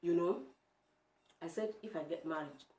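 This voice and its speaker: An echoey room at home is the backdrop for this young Nigerian woman's casual opinion vlog. She has an Igbo accent and a low, deep voice with a dark tone, keeps a moderate pace, and talks emphatically while pressing direct questions on the viewer.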